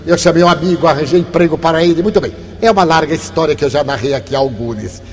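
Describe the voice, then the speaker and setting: An older man giving a spiritist lecture, telling stories that move from hushed tones to animated ones. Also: on the high side, quick pace. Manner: warm storytelling, shifts from hushed to animated. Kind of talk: inspirational lecture with storytelling. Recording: long hall reverb, faint background noise.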